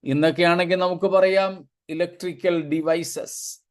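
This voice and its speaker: Slow, deliberate preacher man. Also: sits high, fairly even intonation. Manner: deliberate preaching with long spoken lists and repeated 'praise God' asides. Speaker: pastor. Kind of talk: Bible sermon.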